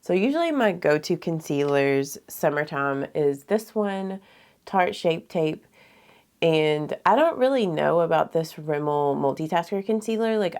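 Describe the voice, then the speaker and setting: With lively intonation, vocal fry and a darkish, low voice, she speaks a little slowly. This beauty vlogger casually talks through her makeup routine, somewhat congested and nasal, peppering it with filler words.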